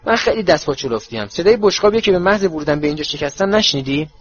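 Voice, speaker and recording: A man's voice: a little high, expressive, breathy edge, muffled recording. A man voicing a cheerful, clumsy young witch who is bubbly and boastful. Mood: chatty.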